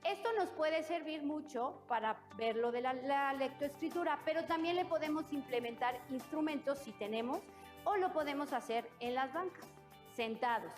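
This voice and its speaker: A woman's voice: high voice, normal speed, music in the background. A woman, teaching children rhythm and patiently chanting counts over hand claps. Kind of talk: instructional demonstration for children.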